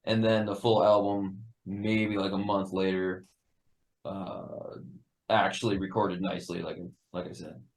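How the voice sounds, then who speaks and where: A man with a fairly low voice talks casually as a guest in a band interview. He is laid-back, laughs a lot and swears freely. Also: flat delivery, a little slow, darkish tone, poor audio. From Upper Peninsula of Michigan.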